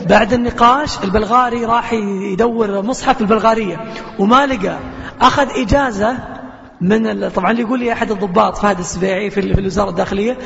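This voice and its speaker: A man preaches in a high, quick voice, earnest and emphatic. He tells stories and answers questions from the audience. The sound is dull and lo-fi, echoing around a large lecture hall with a faint hiss underneath. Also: gravelly, fairly bright tone, some chatter behind. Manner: earnest, emphatic, storytelling with oaths.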